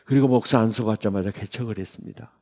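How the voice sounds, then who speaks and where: A man in his sixties, a pastor, telling his testimony in a sermon with emotional storytelling that jumps into high bursts. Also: quick pace, darkish tone. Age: 60s. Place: church sanctuary.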